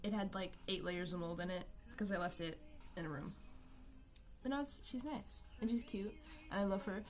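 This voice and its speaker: A woman's voice: mid-range voice, normal speed. A young woman chatting casually on a live art stream at home, rambling, joking at herself and swearing freely. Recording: music playing behind the voice. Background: music.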